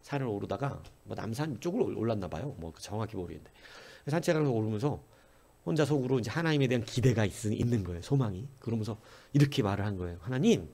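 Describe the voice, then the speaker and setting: A male pastor delivering a sermon in church, telling a story with plenty of energy. He acts out the quoted lines, and his pitch climbs and drops as he goes. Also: expressive, quick pace, gravelly, mellow.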